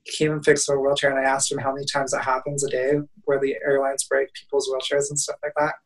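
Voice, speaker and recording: A man's voice: medium pitch, completely flat delivery, fast talker, distant mic, low-quality recording. A young man in his twenties, a motivational speaker guest, telling a funny story in a casual, laughing way.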